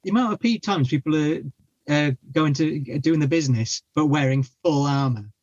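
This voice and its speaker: A man's voice: a little high, moderate pace, a little mellow, no room sound. A man making wry jokes while chatting on a film podcast. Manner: wry, joking. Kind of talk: casual chat. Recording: dull dry lo-fi audio.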